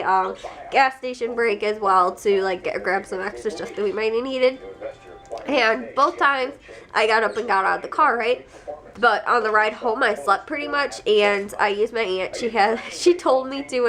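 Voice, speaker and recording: Speaking to the camera from home, a sick, congested young woman chats casually, rambling and laughing a lot. Her voice is medium-pitched and a bit bright.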